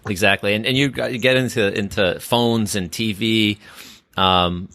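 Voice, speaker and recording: Low, forceful podcast host man. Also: steady tone, moderate pace, no echo. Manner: agreeable, searching for words. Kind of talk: casual podcast chat.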